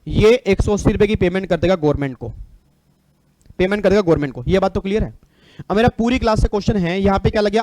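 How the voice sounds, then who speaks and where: A man's voice: high voice, darkish tone, dry recording. A man teaching an online exam-prep lecture, joking and bantering with his students.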